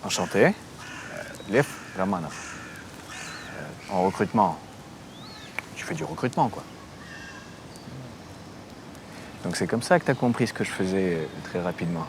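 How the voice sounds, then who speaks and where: Low, shady Russian boss, noisy location. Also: male voice, very animated. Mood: impressed. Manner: hesitant, halting, slips into Russian. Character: shady, guarded Russian man, former actor turned boss. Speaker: actor in a web series. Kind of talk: naturalistic screen drama dialogue.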